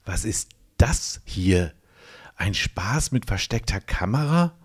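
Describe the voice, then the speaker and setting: Man reading a skeptical sarcastic man, low voice, slow, dry, audiobook. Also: very animated, breathy edge, exaggerated voice. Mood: suspicious. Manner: distrustful, dry.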